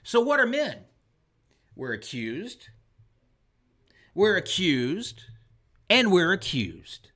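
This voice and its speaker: A man's voice: sits high, very animated, extremely slow, long pauses, sharp tone. A man from Oklahoma, hosting a show and delivering an opinionated political monologue with emphatic, repeated lines. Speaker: show host.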